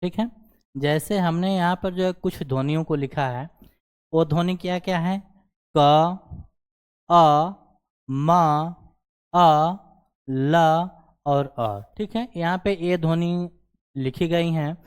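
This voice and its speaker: A man's voice: a little high, moderate pace, darkish tone, smooth. A man teaching a grammar lesson, explaining step by step and checking in with the class after nearly every phrase. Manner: repeats "ठीक है ना" as a check-in filler.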